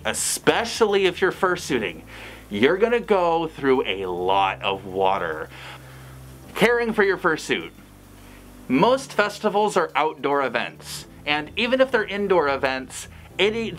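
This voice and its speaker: Speaking from inside a costume head, a fursuiter vlogger offers casual advice in a medium-pitched, somewhat bright voice. The sound is muffled with slight background noise, and the chatty delivery includes dry, sarcastic asides.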